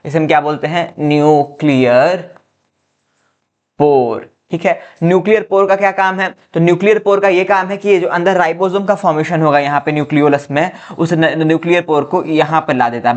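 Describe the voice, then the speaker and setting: In this classroom biology lecture, a man with a higher pitch keeps asking questions, repeating them, and supplying the answers himself. "ठीक है" comes up often, and he calls the students "बच्चा".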